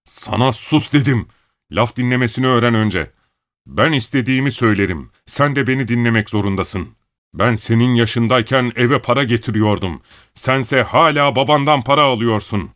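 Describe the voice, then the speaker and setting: A man voicing a furious, bullying middle-aged father who shouts at his family. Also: mid-range voice, moderate pace, dry recording, studio quality, voice pushed up, lightly acted. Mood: raging. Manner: shouting, raging.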